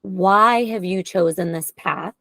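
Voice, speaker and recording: A woman's voice: medium pitch, slow, vocal fry, a bit bright, no echo. A woman hosting a podcast, talking openly and emphatically in a heartfelt conversation. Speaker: podcast host.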